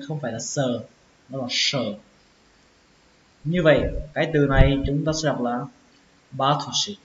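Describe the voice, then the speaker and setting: A man giving a pronunciation lesson, sounding out each word slowly and repeating it several times. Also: fairly high pitch. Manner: slow, drawn-out repetition of words. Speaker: English teacher. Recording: echoey, dull lo-fi with faint hiss.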